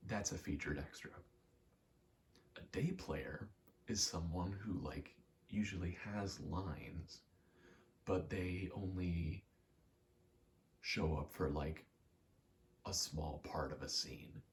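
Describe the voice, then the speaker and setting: Slow and deep, with frequent pauses, a young man drifts through an easygoing ASMR ramble as he games, breaking off his own thoughts in a low-key manner. There's a little hiss or hum in the audio.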